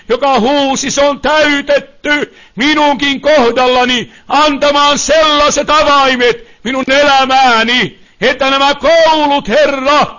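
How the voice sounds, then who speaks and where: High bright impassioned preacher man. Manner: impassioned, pleading, repetitive invocations. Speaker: preacher leading prayer. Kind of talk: fervent prayer meeting. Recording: dull lo-fi recording.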